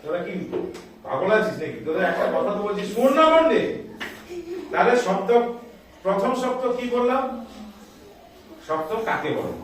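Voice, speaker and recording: A man's voice: high voice, big pitch swings, moderate pace, pauses often, heavy reverb, distant mic, a little hiss or hum. A man teaching schoolchildren a music lesson, explaining step by step, calling out scale notes and scolding the chatty ones. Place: school classroom.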